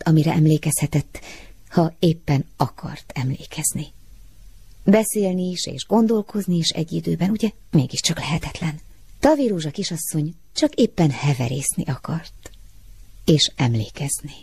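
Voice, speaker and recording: Husky low-voiced woman reading a story. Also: no room sound. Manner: gentle, dreamy, often whispering. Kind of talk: storybook narration.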